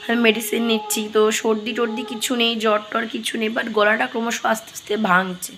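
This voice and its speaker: A hoarse woman, chatting through her day at home as she cooks. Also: a little high, steady tone, fast talker, fairly bright tone, a little hiss or hum, rough recording. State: hoarse, straining to speak. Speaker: vlogger. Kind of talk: casual daily vlog narration. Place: home kitchen.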